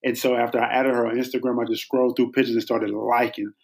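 A man guesting on a podcast, telling a story in a relaxed, humorous way. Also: medium pitch, fast. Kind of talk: casual storytelling in an interview.

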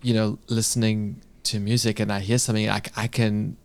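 A man from South Africa talking thoughtfully in a casual conversation, with soft laughs between his points. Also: on the low side, level tone, brisk.

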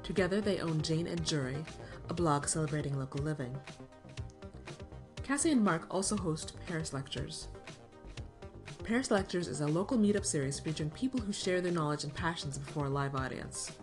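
A woman hosting a local interview podcast, reading a calm, measured introduction. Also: sits low. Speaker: podcast host. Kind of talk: scripted narration. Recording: music bed behind narration.

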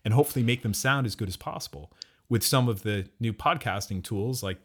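A man's voice: on the low side, a little fast. A man co-hosting a podcast, talking casually and reflectively, rambling a little with restarts. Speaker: podcast co-host. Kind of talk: casual chat.

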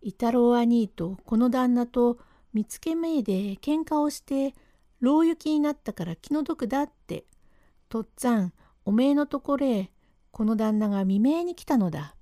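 A woman voicing a blunt, rough-spoken working man in a rakugo storytelling reading. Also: fairly high pitch, expressive, normal speed, no echo, studio quality, natural voice. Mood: impatient. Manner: blunt, gruff, shouting explanations.

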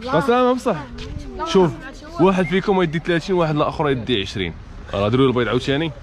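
Moroccan male game host, quick repeated urging calls, frequent laughter, somewhat high-pitched. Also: expressive. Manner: urges players on with rapid repeated calls, laughs often. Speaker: host running a challenge game. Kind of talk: energetic game commentary.

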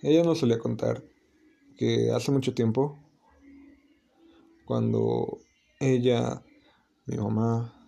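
A man hosting a podcast, casually telling a paranormal story in a relaxed, hesitant way. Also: medium pitch, slow pace, creaky, pauses often. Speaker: podcast host.

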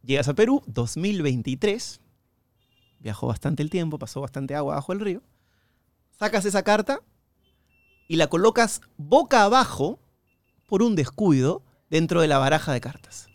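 A man from Peru hosting an interview, showing his guest a card trick with slow, theatrical instructions. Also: a little high, expressive, no room sound, studio quality. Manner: warm, theatrical when leading a card trick. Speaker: interview host and amateur magician. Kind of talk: casual interview conversation.

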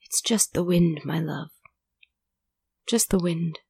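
A woman voicing a heartbroken, lonely lady who speaks softly and guardedly. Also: deep voice, level tone, drawn-out words, vocal fry, no echo, studio quality, heavily acted. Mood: tender whisper. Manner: soft, hushed.

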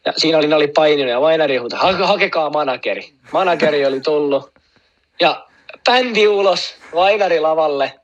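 A guest with a slightly high voice meanders through a casual anecdote, heaping up fillers and tangents and laughing at his own story. The audio is dull and somewhat lo-fi.

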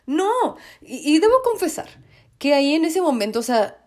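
Young Mexican woman hosting a rant, lively and profane, slightly high voice. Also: normal speed, slight background noise. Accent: Mexican Spanish. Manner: animated, swearing, swinging between indignant outbursts and muttered asides. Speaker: podcast host. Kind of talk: casual ranting commentary.

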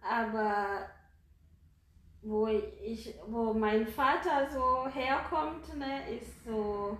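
A woman from Kenya, speaking German as a second language, answers interview questions slowly, with many fillers and tag questions. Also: a little high, fairly even intonation, a bit bright, roomy sound, low-quality recording. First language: not German. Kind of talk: conversational interview.

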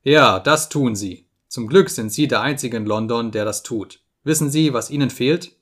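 A man reading an audiobook, voicing a cruel, mocking visitor who taunts a sick man in a sharp tone. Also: mid-range voice, normal speed, lightly acted. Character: sneering sinister male visitor, mocking and cruel.

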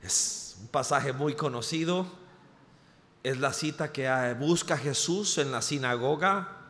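A man with a Costa Rican accent preaching, telling a humorous personal story in an animated way. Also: mid-range voice, slow. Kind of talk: storytelling sermon. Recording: reverberant hall.

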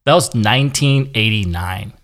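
A man in his forties from South Korea speaks with a fairly low voice. He talks candidly as a guest, with a self-deprecating streak. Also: normal speed, fairly bright tone. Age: 40s. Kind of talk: casual podcast interview.

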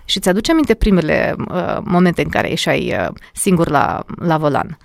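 A woman's voice: lowish voice, vocal fry, dry recording, clean studio sound. A woman from Moldova, a diction coach talking as a podcast guest and acting out her examples. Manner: animated, acts out examples. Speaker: diction and public speaking coach.

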